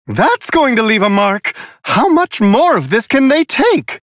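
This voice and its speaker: A man's voice: very high-pitched, sing-song, a little slow, a bit bright, no echo, clean studio sound, full character voice. A male actor voicing Whis, a refined, playful otherworldly angel giving courteous, theatrical, wryly amused fight commentary in a video game. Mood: amused, composed. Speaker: match commentator.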